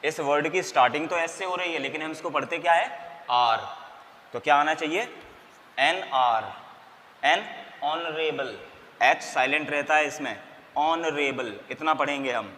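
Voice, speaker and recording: In Hindi, a man gives an English grammar lesson, posing questions he answers himself and spelling out letters. His voice sits a little high and sounds sharp, at a moderate pace. The recording carries a long reverb and faint background noise.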